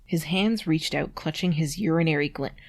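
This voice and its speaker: With a low, darkish voice, a woman who reads and hosts works carefully through a passage of awkward prose. Between sections she breaks off for dry, sarcastic remarks.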